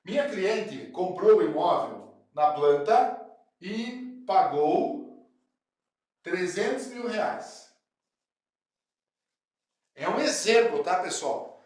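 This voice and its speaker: A man from southern Brazil, suffering from a cold, explains real estate deals to fellow brokers while talking to camera, chatting and often checking in with them. His high, slightly mellow voice swings widely in pitch, and he speaks extremely slowly with frequent pauses. The room is very echoey.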